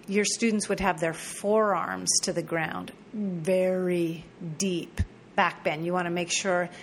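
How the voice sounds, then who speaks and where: A woman yoga teacher giving a recorded lesson, repeating and spelling out terms slowly with casual asides. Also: fairly low pitch, a little hiss or hum.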